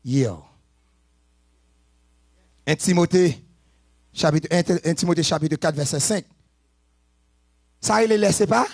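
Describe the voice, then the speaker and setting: A man preaching a sermon, moving between soft talk and shouted, sing-song preaching. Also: fairly high pitch, animated, slow, vocal fry, pauses often, no room sound, studio quality.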